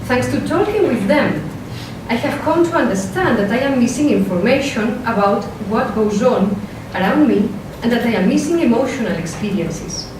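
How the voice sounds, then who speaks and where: This is a philosopher's workshop talk by a woman with a strong Spanish accent, whose slightly high voice is animated but measured, with hesitant fillers when she leaves her notes. The mic sits far from her in a very echoey lecture hall, and the recording is plainly noisy.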